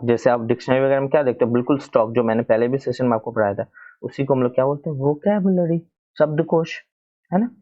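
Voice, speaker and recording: A man teaching English grammar from slides in Hindi, with a Hindi accent. He explains step by step, often checking in with "है ना" and spelling words out slowly. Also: on the high side, dull audio.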